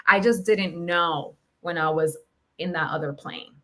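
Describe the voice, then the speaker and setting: A podcast host shares personal reflections on grief in candid conversation, thinking aloud emphatically in short, broken phrases. Her voice is fairly low and sharp in tone, and she speaks unhurriedly.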